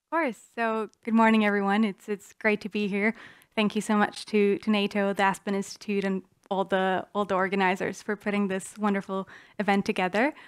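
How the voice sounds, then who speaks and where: A young woman from the Czech Republic presents her proposal on a panel, earnest and full of small restarts. Her voice is smooth and clear, with a fairly flat melody. The sound is close and dry. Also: medium pitch, brisk, no echo. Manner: earnest, many fillers and restarts. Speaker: student panelist.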